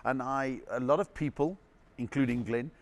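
A man's voice: mid-range voice, normal speed. A middle-aged man from South Africa, a comedian telling stories in a casual chat and acting out the people he quotes. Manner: animated storyteller acting out quoted voices. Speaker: comedian guest. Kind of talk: anecdotal storytelling chat.

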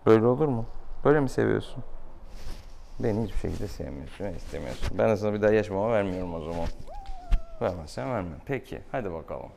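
A young veterinarian chats casually and playfully coaxes a pet while he works, his voice lowish, gravelly and a little mellow, with lively intonation and a fast pace. He's in a small tiled exam room, picked up by a camera a few steps away, and the room is noisy.

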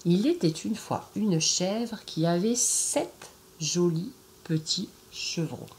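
Brief: animated woman storyteller reading to kids, chatty, playful asides. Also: lowish voice, takes it slowly, a little hiss or hum. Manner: lively, chatty asides to young listeners. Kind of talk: reading a fairy tale aloud to children. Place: indoors at home, standing.

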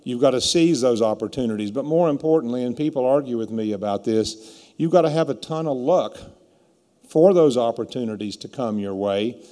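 A man in his fifties with a hoarse, rough voice gives a plain-spoken, emphatic motivational keynote speech into a stage microphone. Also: medium pitch, mellow. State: hoarse from yelling all day. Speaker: keynote speaker, entrepreneur. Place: indoor brick-walled event venue, on stage. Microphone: stand microphone at lectern. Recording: echoey hall with long reverb.

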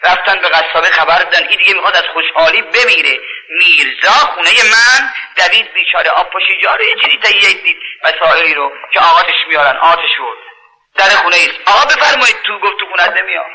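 Fiery high-voiced male preacher. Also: sharp tone, low-quality recording. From Iran. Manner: impassioned, swings pitch to act out story voices. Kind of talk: sermon storytelling.

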